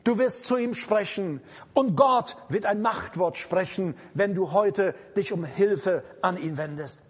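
Male preacher, very high voice, proclaiming, emphatic repeated declarations, charismatic sermon. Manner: proclaiming, declarative repetitions with slow emphatic commands.

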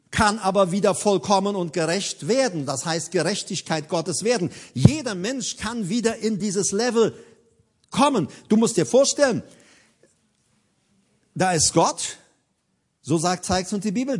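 A man's voice: sits high, slightly rough. A man preaching a sermon, emphatic and repeating key phrases for effect.

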